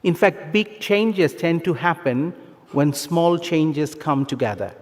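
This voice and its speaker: A man with a fairly high voice sounds animated, earnest and encouraging as he delivers a formal ceremonial speech at a live graduation ceremony in a large conference hall. Long reverb trails his measured phrases and emphatic pauses, in the manner of an official speaking to graduates.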